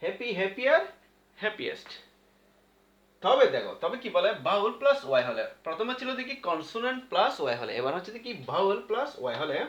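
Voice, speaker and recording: A male English teacher with a Bangladeshi Bengali accent, giving a classroom grammar lesson at a board and patiently repeating the rules. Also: a little high. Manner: repeats rules patiently, asks and answers his own questions. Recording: echoey room, dull lo-fi sound.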